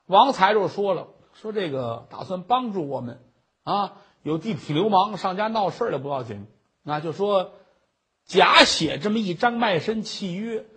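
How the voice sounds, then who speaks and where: Guy doing a poor widow wailing, high raspy voice, begging and sobbing. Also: full character voice. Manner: sobbing, pleading, drawn-out wails.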